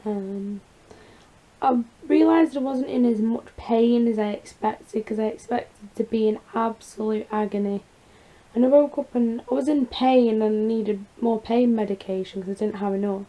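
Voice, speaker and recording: A woman with a croaky, creaky voice after surgery, chatting casually in a rambling, confiding personal vlog update. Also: a little high, normal speed, dark tone, rough recording. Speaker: vlogger.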